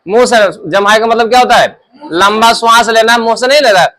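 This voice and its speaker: Male math teacher, Bihari Hindi accent, high voice, drills and scolds pupils in class. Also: fairly quick, bright, forceful tone. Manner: scolding, drills pupils with call-and-response questions.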